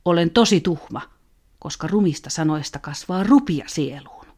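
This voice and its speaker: A woman's voice: lowish voice, expressive, darkish tone, breathy edge. A woman voicing a naughty small child who chants forbidden words in a defiant, sing-song way, in a radio drama monologue. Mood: defiant, mischievous.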